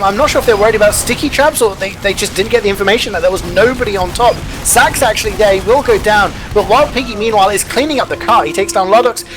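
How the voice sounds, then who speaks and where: A man's voice: high-pitched, rough recording. A man working as an esports caster, giving live play-by-play and analysis of a match.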